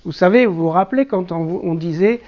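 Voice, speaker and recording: Speaking fairly quickly in a mid-range voice, a teacher guides the class through biblical Hebrew, explaining patiently one step at a time with frequent hesitations. The audio is a dull, lo-fi classroom recording.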